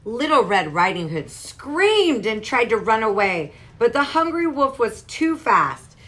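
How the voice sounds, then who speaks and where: Woman reading a kids' story, lively pitch, clear. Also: measured pace. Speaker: storybook reader.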